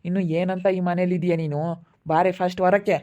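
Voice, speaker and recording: A woman playing an angry in-law throwing someone out of the house, shouting harshly. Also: lowish voice, fairly even intonation, brisk, dull audio, lightly acted.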